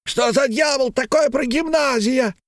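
Мужчина озвучивает угодливого, пьяного приказчика в аудиокниге. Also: male voice, fairly high pitch, measured pace, vocal fry, dry recording, clean studio sound, voice pushed up. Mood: drunken shout. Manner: fawning, slurred drunken shouting. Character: drunken servile male shop clerk.

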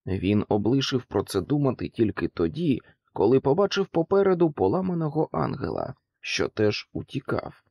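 A male audiobook narrator reading a children's fantasy in an expressive, dramatic way. His pitch moves in a lively arc across each phrase, and the recording is close and dry. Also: moderate pace, vocal fry, breathy edge, dry recording, dull audio. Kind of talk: scripted narration.

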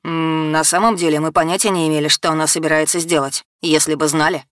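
A woman's voice: low-pitched, fairly even intonation, fast talker, dry recording, studio quality, lightly acted. Woman doing sheepish teen boy, hesitant, awkward, storybook read. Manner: hesitant, clears throat.

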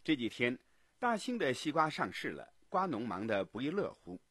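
A man presenting local radio news in a scripted, animated newsreader delivery. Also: mid-range voice, moderate pace, dry recording.

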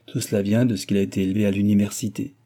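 A man's voice: fairly low pitch, flat delivery, racing, mellow, lightly acted. A man voicing a chattering, pushy middle-aged mother in an audiobook, talking in a gushing, overfamiliar, insistent way.

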